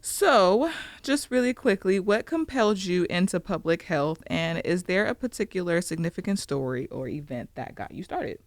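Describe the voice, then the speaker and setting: A woman's voice: fairly low pitch, lively intonation, moderate pace, no echo. Upbeat woman podcast host, dry sound. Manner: upbeat and chatty, laughs often. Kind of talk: podcast interview, scripted intro then casual chat. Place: studio set with a couch.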